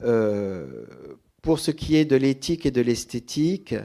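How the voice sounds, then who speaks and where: A man speaking off the cuff as a guest at a public talk, deliberate and hesitant, repeating words for emphasis. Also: mid-range voice, big pitch swings, warm tone. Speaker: guest author answering audience questions. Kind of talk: extemporaneous answers at a public talk.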